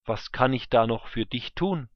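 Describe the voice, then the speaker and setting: A man reading scripture aloud, voicing an old father who speaks solemn blessings in a measured way. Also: mid-range voice, dry recording, muffled recording, natural voice.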